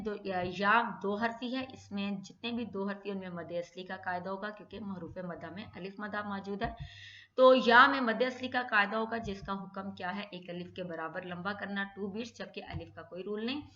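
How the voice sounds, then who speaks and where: A woman gives a tajweed lesson in a bright, forceful voice. She asks herself questions, answers them, then recites each letter pair long and drawn out. The recording is dull and echoes around the room. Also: medium pitch. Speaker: Quran recitation teacher. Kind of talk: tajweed lesson in Hindi-Urdu.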